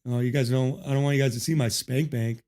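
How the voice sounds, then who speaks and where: A fast-talking streamer with a mid-range, steady, slightly mellow voice plays a game while casually chatting with viewers. He says hello to chat, cracks jokes, and swears a lot into his desk mic, which has noise removal.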